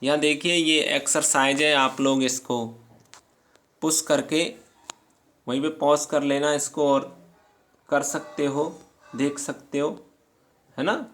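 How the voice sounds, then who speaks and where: A man teaching English grammar, explaining slowly and patiently, reading example sentences aloud and checking in often with his listeners. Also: on the high side, level tone, fairly bright tone. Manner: slow, patient, reads English lines aloud then explains; checks in often with "theek hai". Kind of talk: grammar lesson explained in Hindi.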